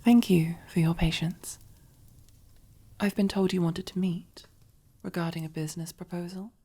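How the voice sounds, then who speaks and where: This ASMR roleplay features a woman as a mafia boss, possessive, commanding and silkily affectionate, speaking close and breathy in a husky voice that frequently falls to a whisper. Her pitch sits on the low side and her tone stays steady, with a cool, businesslike mood. She speaks slowly and with control, intimate and gently commanding.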